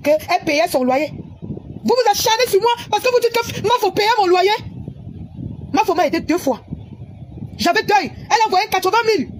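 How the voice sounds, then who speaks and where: A woman's voice: very high voice, expressive, moderate pace, pauses often, a little hiss or hum. A woman, scolding and repeating herself in an angry livestream on her phone camera. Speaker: social media personality.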